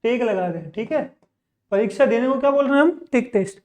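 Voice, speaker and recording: Slow-reading man teaching spoken English. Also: extremely high pitch, expressive, a little mellow. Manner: asks the class questions and answers them himself; reads English example sentences slowly and deliberately. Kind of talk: online language lesson.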